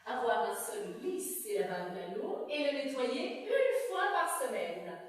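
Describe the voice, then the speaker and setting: A woman's voice: on the high side, sing-song, slow pace. Woman as bossy cleaning advisor: declamatory stage parody, sweeping intonation, big reverberant hall. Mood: brisk instruction. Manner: declamatory, instructing. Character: bossy household-advice announcer reciting cleaning rules. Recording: echoey hall, distant microphone.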